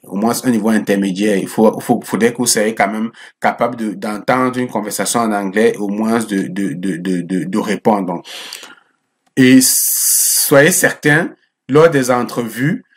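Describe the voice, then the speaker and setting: In a screen-share tutorial on a job application site, a man who gives immigration advice on YouTube chats along in a lowish, breathy voice. He repeats himself, calls viewers friends and keeps asking "ok?".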